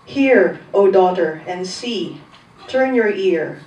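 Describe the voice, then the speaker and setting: Woman reading scripture at mass, slow and formal, super echoey church, bit far from the mic. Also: on the low side, animated, a little mellow, muffled recording. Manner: deliberate, formal recitation. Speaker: lector at Mass. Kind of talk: scripture reading and responsorial psalm. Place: large church interior. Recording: echoey church, distant mic, faint noise.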